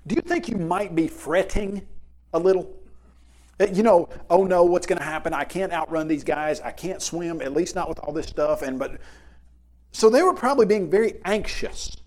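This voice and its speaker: A man teaching a Bible lesson in a conversational way, slowing down to stress key words. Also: high voice, darkish tone.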